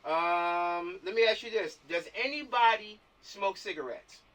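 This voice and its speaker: An American film director runs a casual planning meeting over a video call, repeating himself and often checking that he's understood. His high voice is animated and fairly bright, with an unhurried pace. The mic is distant.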